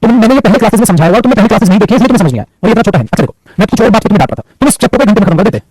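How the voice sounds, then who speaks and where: Fast, lively teacher, man. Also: high-pitched, noisy background. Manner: scolding, teasing, calls students beta. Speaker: English grammar teacher. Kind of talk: classroom lecture in Hindi mixed with English.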